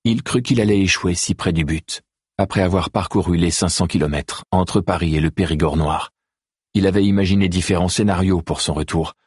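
A man narrating a dark novel in a measured, even audiobook reading. His voice is very deep and husky, and the recording is close and completely dry. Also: no room sound. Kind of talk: scripted narration.

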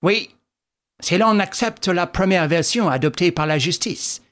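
A man voicing an agitated, proud male detective who cries out in a high, strained voice. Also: measured pace, a bit bright. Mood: assured.

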